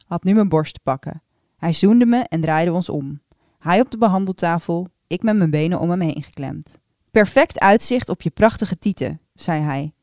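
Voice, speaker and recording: Female reader, lowish voice, intimate confiding delivery of an erotic story, dry close sound. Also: darkish tone, no echo. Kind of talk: reading an erotic story aloud.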